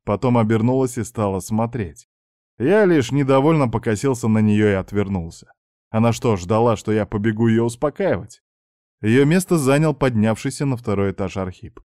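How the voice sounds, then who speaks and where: A male narrator reads a first-person novel in a steady, measured way. His voice sits in a middle range. The recording is dry, with no room sound. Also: mid-range voice, dry recording. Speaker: audiobook narrator.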